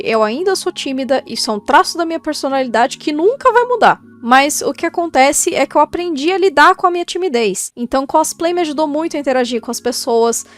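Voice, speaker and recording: A woman in her twenties talking to the camera in a casual, candid, chatty vlog. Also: sits high. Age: 20s. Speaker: YouTuber and cosplayer.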